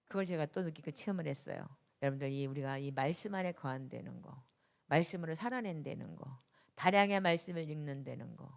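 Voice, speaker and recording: A middle-aged woman pastor preaching a sermon, who swings between loud emphatic bursts and soft hushed asides and acts out the lines of people in her stories. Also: deep voice, vocal fry. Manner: acts out quoted dialogue in anecdotes.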